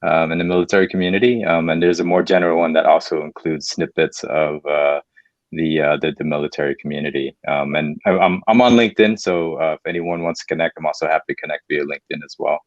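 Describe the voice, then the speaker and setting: A man's voice: a bass voice, steady tone, fast talker, no echo, muffled recording. A man answering an interview question casually, hesitating often with fillers and restarts. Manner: hesitant, lots of ums and restarts. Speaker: company guest.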